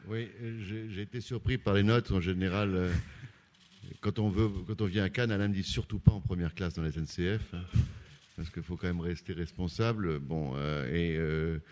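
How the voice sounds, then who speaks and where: A man with a low-pitched voice speaks as part of a film team at a press conference. His delivery is hesitant and dry, with a joking edge. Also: fairly even intonation, normal speed, a little mellow. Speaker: film team member answering.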